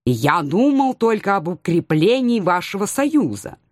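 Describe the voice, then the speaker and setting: A fussy intellectual tomcat protests and pleads, as a woman reader puts him on. His storybook voice rises and falls in lively swoops. It sounds dry and close, with no room around it. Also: mid-range voice, measured pace, dry recording. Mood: prim. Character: fussy intellectual male talking cat.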